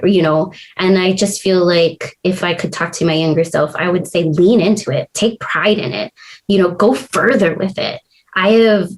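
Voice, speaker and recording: A woman's voice: on the low side, poor audio. A woman from Hawaii, a guest in a casual conversation, talking in a thoughtful and reflective way.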